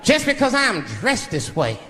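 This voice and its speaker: Man putting on a huffy high-pitched offended woman. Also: huge pitch swings, a little slow, sharp tone, a little hiss or hum, full character voice. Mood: indignant. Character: indignant young woman scolding a man. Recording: stage mic in a big hall with crowd.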